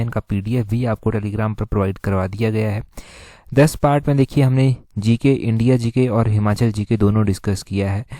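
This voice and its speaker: A man teaches an exam-prep class, walking through each answer slowly and going over it again. His voice sits on the low side and sounds mellow and dark. The recording is dry and close, with no room sound around him. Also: dry recording. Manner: explains step by step, repeats answers, heavy use of filler "jo hai vo".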